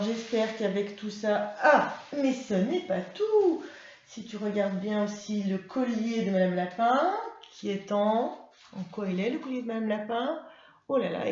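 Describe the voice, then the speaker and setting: A woman's voice: medium pitch, mellow, echoey room, dull audio. A woman primary school teacher giving a lesson to young children, patiently spelling out words.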